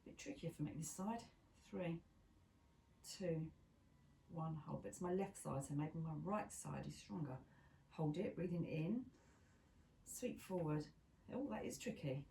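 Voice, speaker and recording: A woman instructor leading a pilates class, counting down reps and giving steady step-by-step cues. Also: low-pitched, unhurried, creaky, pauses often, slight background noise. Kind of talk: guided exercise class cueing. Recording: echoey room from a distance.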